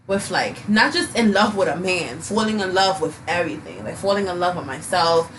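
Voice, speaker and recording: A woman's voice: fairly low pitch, normal speed, a bit bright, distant mic, slight background noise. A tired, sleepy woman co-hosting a podcast, chatting loosely with lots of fillers and some playful teasing. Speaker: podcast co-host. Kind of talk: casual chat.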